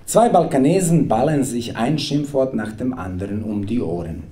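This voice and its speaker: At a table mic on a small club stage, a native Serbian author in his thirties reads comic passages from his book with playful irony. His voice is warm and mid-range, lively in intonation, moving at a moderate pace, while laughter fills the roomy space.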